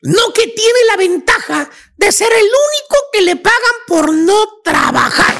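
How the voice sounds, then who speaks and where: A man's voice: extremely high pitch, animated, a little slow, gravelly, fairly bright tone. A man hosting a morning radio comedy show, joking and slangy, dropping güey constantly from a studio mic.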